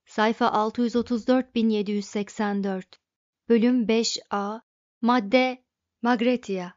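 A woman narrates an audiobook in a measured, even way, her voice pitched a little high. The dry recording has no room sound and a slightly dull tone.

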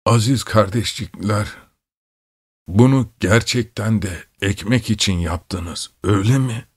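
A man voicing a frightened, feverish wounded carpenter who begs in a hoarse, trembling voice. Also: lowish voice, slow. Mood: pleading, frightened.

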